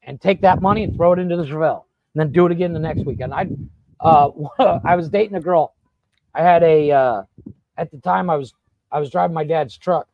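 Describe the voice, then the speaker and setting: Gravelly, high-voiced podcast host. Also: male voice, brisk, no echo, lo-fi sound. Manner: profane, rambling, animated storyteller. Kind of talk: casual storytelling chat. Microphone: podcast studio mic.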